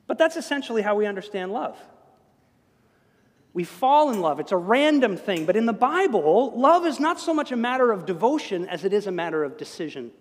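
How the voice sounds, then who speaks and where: High, lively male pastor preaching. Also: a little fast. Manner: conversational, animated, with humorous asides. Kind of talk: sermon. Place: church sanctuary. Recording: long church reverb.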